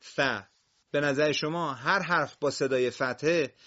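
A man teaching a broadcast classroom lesson on Quran reading, patiently drilling single syllables loudly for his pupils and listeners. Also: fairly high pitch, muffled recording.

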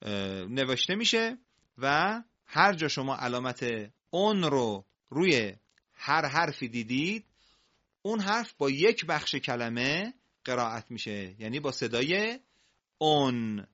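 A man teaching recitation, explaining quickly and then drawing out example words slowly for students to repeat. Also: mid-range voice, big pitch swings, pushed and bright. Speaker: Quran reading teacher. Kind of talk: recitation lesson. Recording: muffled lo-fi audio.

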